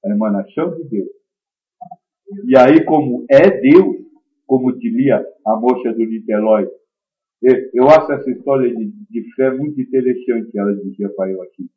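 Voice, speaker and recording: A man giving a spiritist teaching talk, emphatic and swinging between loud stresses and quiet asides. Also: medium pitch, moderate pace. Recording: dull lo-fi recording.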